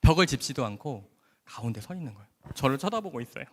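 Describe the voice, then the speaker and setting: An animated man telling a church testimony. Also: mid-range voice, fast, a little hiss or hum. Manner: animated, vivid storytelling with sound words. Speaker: doctor giving a testimony. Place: church camp gathering hall. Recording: hall reverb.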